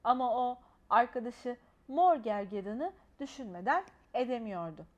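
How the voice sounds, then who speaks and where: A woman's voice: on the high side, lively intonation, moderate pace, highs cut off. A woman expressively reading a children's storybook aloud.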